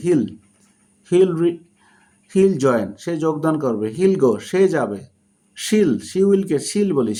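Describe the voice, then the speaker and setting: A man teaching a spoken English lesson in Bengali, who says short English phrases slowly and deliberately and then translates them. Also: on the high side, darkish tone.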